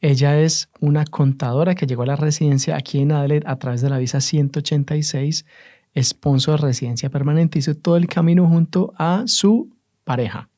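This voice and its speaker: Mellow-voiced male podcast host. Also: a little high, fairly quick, no room sound, clean studio sound. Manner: calm, clarifying questions. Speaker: podcast host and migration agent. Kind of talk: interview hosting.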